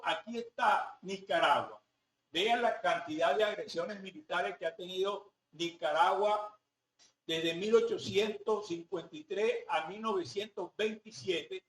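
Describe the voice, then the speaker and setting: In a roomy hall picked up by a distant mic with faint background noise, a Venezuelan man who is a professor gives a conversational classroom lecture. His voice sits high and a bit bright, his accent is Venezuelan Spanish, and he makes rhetorical asides to the audience.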